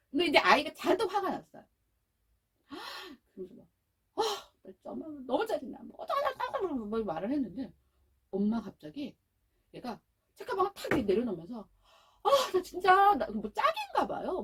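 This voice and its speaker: Woman, middle-aged, lecturer, high voice, animated pitch, acts out quoted voices. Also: husky. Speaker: lecturer on speech and parenting. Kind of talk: lively lecture with anecdotes.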